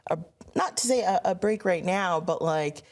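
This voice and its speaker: Woman, young adult, voice actor, conversational interview, animated, slightly low voice. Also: moderate pace. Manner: animated, acts out quoted lines. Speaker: voice actor guest.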